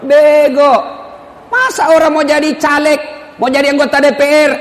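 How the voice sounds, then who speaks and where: Joking high-voiced man preaching in an echoey hall. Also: level tone, normal speed. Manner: jokes and banters with the congregation. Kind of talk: humorous sermon. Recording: echoey hall with faint background hum.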